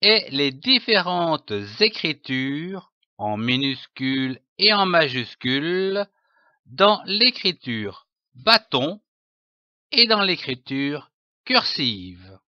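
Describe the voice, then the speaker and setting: A man teaching children to read, spelling out letters and syllables slowly and carefully. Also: fairly high pitch, very animated, bright, forceful tone, no room sound, lo-fi sound. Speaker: reading teacher. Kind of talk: slow syllable-by-syllable phonics lesson.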